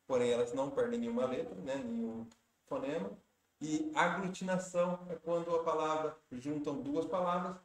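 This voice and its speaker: A man's voice: on the high side, reverberant. A man with a Brazilian Portuguese accent teaching exam preparation, explaining each question step by step with tips. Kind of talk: walking through exam questions.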